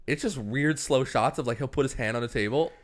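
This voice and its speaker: Quick, excitable male co-host with a mid-range voice, jokey movie banter. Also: mid-range voice. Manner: fast, excitable, jokes and acts out characters. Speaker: podcast co-host. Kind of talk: casual movie review chat.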